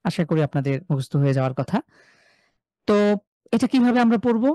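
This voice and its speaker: A man's voice: sits high, very animated, brisk, dark tone, no room sound, studio quality. A man teaching Quran recitation rules in a live online class, patiently repeating syllable drills and speaking to students by name. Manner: addresses students by name, reads chat replies.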